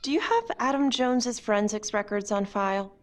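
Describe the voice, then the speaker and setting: A woman's voice: mid-range voice, a little fast, soft background music, natural voice. An actress voicing a composed female district attorney who questions people in a formal, poised way. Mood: firm.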